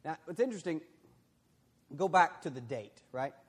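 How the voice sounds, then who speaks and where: Pastor preaching in a reverberant hall. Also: male voice, fairly high pitch, lively intonation, husky. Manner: conversational preaching, with mocking quoted voices and quiet, heavy pauses. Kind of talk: sermon.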